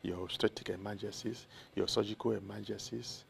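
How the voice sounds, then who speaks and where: Gravelly-voiced Nigerian male doctor. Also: lowish voice, fairly even intonation, a little hiss or hum. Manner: measured, lists examples one by one. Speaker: doctor, consultant guest. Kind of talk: explanatory interview answers.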